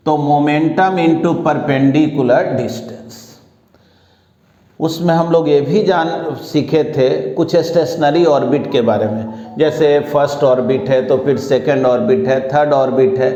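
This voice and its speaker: A male physics teacher lecturing slowly and patiently, spelling out each idea with English technical terms mixed in. His voice is mellow and fairly high for a man, recorded in a roomy space with a long, ringing reverb. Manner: slow, explanatory, mixes English terms into Hindi. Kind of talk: classroom lecture. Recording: echoey room with long reverb.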